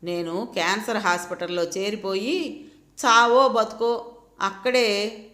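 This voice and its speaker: A woman's voice: medium pitch, steady tone, takes it slowly, pushed and bright. A woman voicing a sick elderly mother who speaks in a sorrowful, pleading way, in an echoey room. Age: older. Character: ailing elderly mother, weary and plaintive.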